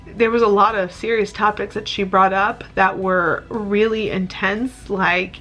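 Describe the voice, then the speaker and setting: Candid vlogger, woman, late 30s: bright, even-pitched voice, rambling and tender, faint music under her. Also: a little slow. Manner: rambling, open, tender, with small laughs. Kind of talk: candid personal vlog.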